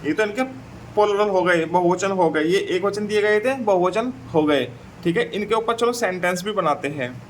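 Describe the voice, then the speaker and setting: A man with a Hindi accent teaching an English textbook lesson, repeating "theek hai" and reading English sentences slowly before translating them. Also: high-pitched, slight background noise, poor audio. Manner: slow and repetitive, says "theek hai" often.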